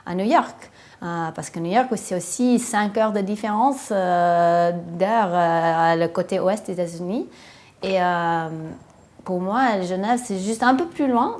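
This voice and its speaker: A woman's voice: mid-range voice, darkish tone. Hesitant woman speaking French. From western United States. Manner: hesitant, frequent fillers, searching for words in a second language. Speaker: interviewee. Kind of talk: casual personal account.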